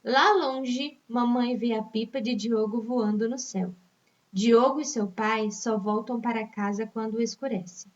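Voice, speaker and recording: A primary school teacher with a Brazilian Portuguese accent reads test questions aloud to young pupils, patiently drawing out every answer option. Her voice sits on the high side and moves at a measured pace. The recording is lo-fi, dull and distant.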